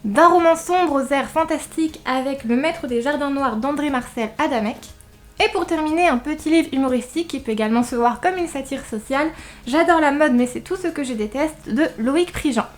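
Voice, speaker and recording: A woman's voice: sits high, brisk. A woman talks casually as she reviews books for a vlog. Her s sounds carry a slight, slushy lisp. Music plays faintly behind her. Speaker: book reviewer presenting recent reads. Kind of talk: casual scripted-outline vlog talk.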